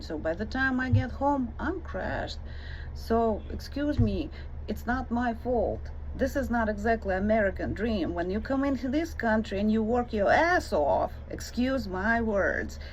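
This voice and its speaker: Answering a comment in her vlog, a middle-aged woman from Ukraine speaks straight to camera in a Ukrainian accent, emphatic and indignant. Her voice is mid-range with a darkish tone. The recording is dull, lo-fi, and carries faint noise.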